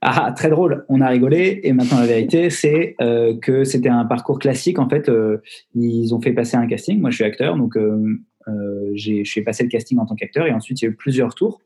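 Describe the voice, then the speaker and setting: A male actor talking casually over a video call, with a mellow, slightly husky voice. He jokes in a teasing way and often spins mock-serious tall tales. His tone is relaxed and easygoing. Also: mid-range voice, a little fast. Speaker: actor guest.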